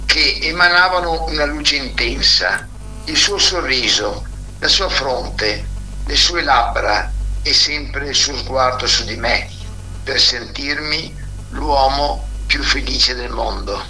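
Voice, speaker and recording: A man calling in over speakerphone who reads his own poems slowly and gently. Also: mid-range voice, soft background music, low-quality recording. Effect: caller heard over speakerphone.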